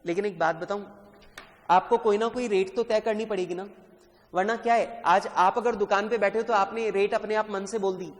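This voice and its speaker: A man tutoring accountancy students in a classroom lecture, lively, quizzing the class and addressing them as children. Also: sits high, moderate pace, long reverb tail. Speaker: CA exam tutor.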